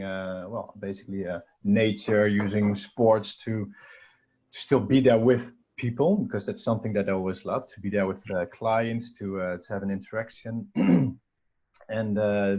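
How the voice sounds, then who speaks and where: A man's voice: on the low side, highs cut off. A man from the Netherlands whose first language is Dutch, talking casually as an interview guest with many fillers and restarts.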